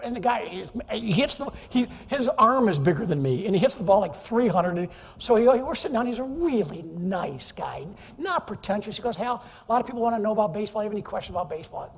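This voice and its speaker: Male keynote speaker, high and husky voice, jokey and animated, echoing conference hall. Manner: animated, jokey, teases the audience. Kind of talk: energetic, humorous business presentation. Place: large conference hall, live audience.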